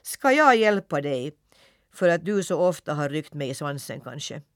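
A man voicing a sly, cruel farm cat with a soft, smooth, mocking voice in a storybook reading. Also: a little high, big pitch swings, no echo, clean studio sound.

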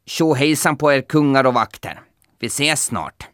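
A man's voice: medium pitch, expressive, no echo, clean studio sound, pitched above the performer's own voice, lightly acted. A man voicing a bold, cheeky boy hero in a folktale. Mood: cocky. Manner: cocky, bright.

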